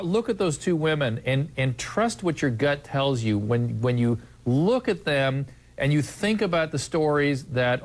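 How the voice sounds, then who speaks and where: Male TV host, mid-pitched, earnest, stumbles and restarts while steering a panel. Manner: earnest, halting with frequent restarts. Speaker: TV talk show host. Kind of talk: broadcast panel discussion.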